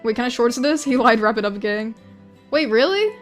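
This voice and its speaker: A young woman chatting casually on a drawing livestream, rambling and self-deprecating, often restarting her sentences. Her voice sits fairly high. Faint music plays in the background. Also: steady tone, fairly quick. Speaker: art streamer.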